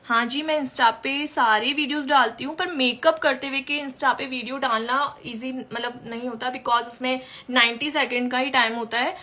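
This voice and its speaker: A woman's voice: sits high, fairly even intonation, moderate pace, few pauses, pushed and bright. A woman makeup artist teaching makeup in a chatty way during a live-stream tutorial, answering viewer questions as she works.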